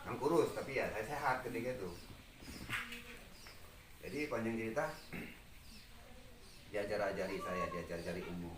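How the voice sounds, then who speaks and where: A man in his forties tells his life story to an interviewer, earnest and unhurried. He sits far from the microphone in a roomy, echoing space. Bird calls and steady noise sit behind his voice. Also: on the low side. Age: 40s. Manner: earnest storytelling, acts out quoted dialogue. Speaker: interview guest. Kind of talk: recounting personal experiences. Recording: echoey, far from mic, noisy.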